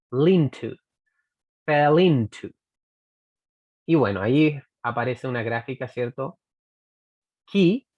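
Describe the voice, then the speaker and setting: A Chilean woman teaching English pronunciation in a recorded workshop, speaking deliberately and repeating example phrases slowly. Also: very deep voice, narrow, tinny audio.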